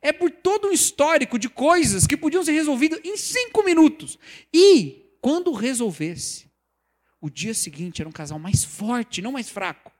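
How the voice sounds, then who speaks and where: A man preaching a sermon, lively and conversational, acting out the quoted voices of people he talks about. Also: very high-pitched, moderate pace. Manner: animated, acts out quoted voices, mocking examples. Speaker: pastor or preacher.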